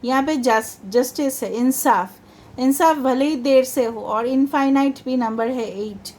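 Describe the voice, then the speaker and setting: A woman's voice: sits high, measured pace, a little mellow. A woman giving a tarot reading, chatty and reassuring, often mixing English into her talk. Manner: chatty, reassuring, mixes English into Hindi, repeats "theek hai". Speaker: tarot reader.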